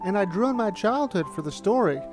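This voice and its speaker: Over background music, a man with a high, expressive voice speaks briskly. He is the filmmaker, narrating a reflective, anecdotal documentary that looks back on his studio's history.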